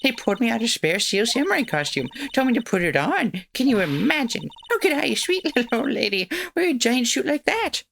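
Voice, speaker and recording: A woman's voice: fairly high pitch, very animated, brisk, creaky, few pauses, fairly bright tone, slight background noise, exaggerated voice. A woman voicing a feisty, scolding little old lady with a grudge, in an amateur video game read-through. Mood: indignant. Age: elderly figure. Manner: scolding, cantankerous grandma voice. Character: feisty sweet-talking little old lady security guard, grudge-holding.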